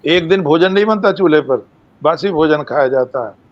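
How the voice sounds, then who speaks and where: A man's voice: fairly high pitch, moderate pace, dull audio. An older man giving a devotional lecture, telling stories and acting out the voices of sages and animals. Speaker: main speaker.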